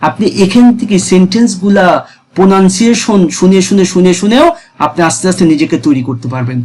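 A man's voice: high-pitched, fast, dark tone. A man giving a casual screen tutorial, chatty and repetitive, often checking in with viewers. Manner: chatty, repeats himself, asks viewers "ঠিক আছে?". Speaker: freelancing tutor.

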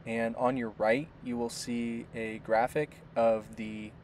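A man's voice: mid-range voice, slight background noise. A man giving a step-by-step instructional voice-over for a device setup tutorial. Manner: steady, step-by-step explaining. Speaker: product tutorial narrator.

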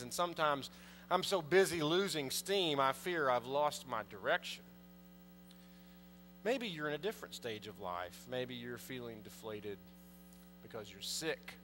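A priest in his thirties, whose voice is a little high and a bit bright, preaches conversationally and asks his congregation questions. The setting is a large indoor church, picked up by a pulpit mic and far camera, with long reverb and a faint mains hum.

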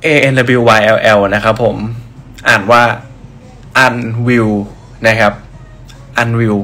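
A man's voice: fairly low pitch, monotone, moderate pace, bright, forceful tone. A young man chatting on a livestream about his brand, rambling with restarts and answering viewers' comments. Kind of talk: casual livestream chat.

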